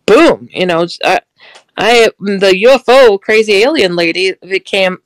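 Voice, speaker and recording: A woman guest telling paranormal stories in an animated way, acting out the dialogue she quotes. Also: medium pitch, a little slow, no echo, low-quality recording. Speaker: paranormal researcher and author, guest. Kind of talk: candid storytelling interview.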